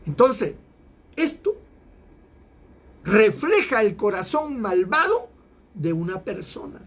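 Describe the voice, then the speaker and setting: A male pastor from Peru delivering an emphatic sermon, his pitch rising suddenly for emphasis. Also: sing-song, takes it slowly, fairly bright tone.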